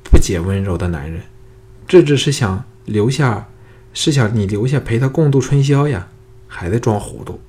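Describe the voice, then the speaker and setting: A male audiobook reader voicing a proud, cold, teasing young swordswoman, a little higher and louder than his narration. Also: normal speed, slightly rough. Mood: haughty.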